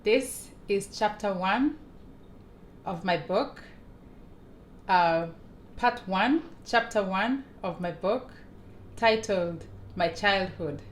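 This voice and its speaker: A Ugandan woman in her forties reading her own memoir aloud, measured and deliberate, with small pauses and restarts. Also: mid-range voice. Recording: echoey room with faint ambient noise.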